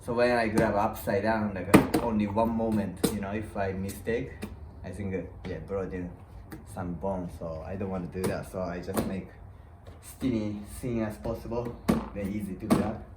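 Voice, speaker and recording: Recorded from a distance with echo and clear background noise, a man chats casually. He has a non-native English accent and speaks in short, simply built phrases as a guest rider explaining his own setup. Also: on the low side, steady tone, normal speed. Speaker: guest freestyle motocross rider. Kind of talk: casual unscripted chat. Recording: distant echoey sound, clear noise, clicks.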